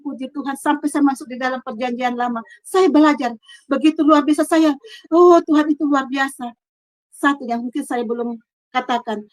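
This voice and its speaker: A middle-aged woman speaks with fervent emotion about her faith from her own bedroom. Her voice sits high, and the sound is close and dry with no room ring. She often stops short, restarts and repeats phrases as she talks. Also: no room sound, poor audio. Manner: fervent, with frequent restarts and repetitions. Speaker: convert giving a personal faith testimony. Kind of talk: emotional spoken testimony.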